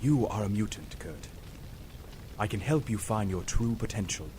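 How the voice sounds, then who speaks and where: An actor playing a calm, authoritative professor, measured and formal, in a superhero audio drama. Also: male voice, fairly low pitch, a little hiss or hum, lightly acted. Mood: calm, reassuring. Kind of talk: fan-made superhero audio drama acting.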